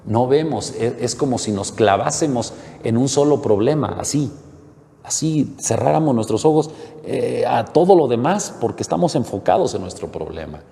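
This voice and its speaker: A male pastor preaching a sermon, dramatic, with sudden rises and slow, emphatic lines. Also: mid-range voice, expressive, creaky, warm tone, big-room sound.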